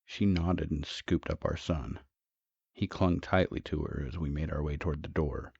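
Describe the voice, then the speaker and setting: Man, very deep voice, gravelly, husky, horror story narration, dry dull recording. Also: darkish tone, no echo. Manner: measured, dramatic.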